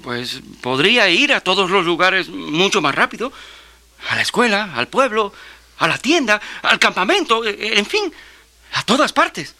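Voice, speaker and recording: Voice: medium pitch, very animated, unhurried, pushed and bright, exaggerated voice. An actor playing an eager, argumentative schoolboy who boasts and pleads in a children's audio drama. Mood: pleading, eager.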